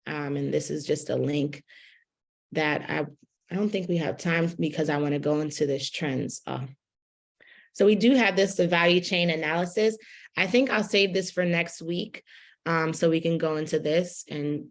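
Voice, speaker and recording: A woman with a low voice leads a relaxed workshop lecture over a video call. She talks in a loose, conversational way, full of fillers, and checks in with her class by asking "right?". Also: moderate pace. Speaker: fashion business instructor.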